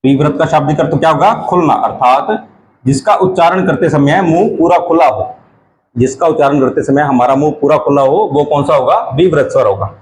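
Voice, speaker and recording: A male teacher gives an exam-prep grammar lesson, asking questions and answering them himself while repeating key terms slowly. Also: a little high, slight background noise, poor audio.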